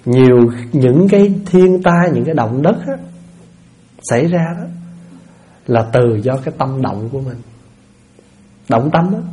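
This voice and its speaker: A man's voice: mid-range voice, dark tone. A man, a Buddhist monk giving a conversational dharma talk in a folksy manner, often asking listeners rhetorical questions. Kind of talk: conversational sermon.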